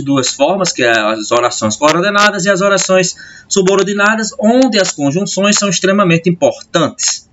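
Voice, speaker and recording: A man's voice: on the high side, noisy background. A teacher with a Brazilian Portuguese accent giving a classroom grammar lesson over slides. He keeps checking in with the class and answers his own questions. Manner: checks in constantly with "tá?" and "né?"; asks questions then answers them himself.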